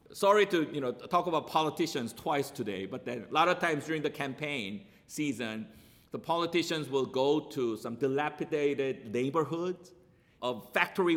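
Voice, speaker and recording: A man's voice: on the high side, fairly bright tone, long reverb tail. A male pastor preaching a sermon, talking conversationally and asking rhetorical questions.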